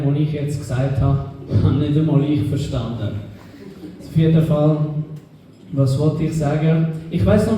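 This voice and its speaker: A man's voice: a little high, warm tone, slight background noise. A young man from Switzerland with a Swiss German accent, telling ironic stories in a stand-up set. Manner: ironic storytelling to a live crowd. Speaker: stand-up comedian. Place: club stage. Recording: roomy live venue from far off.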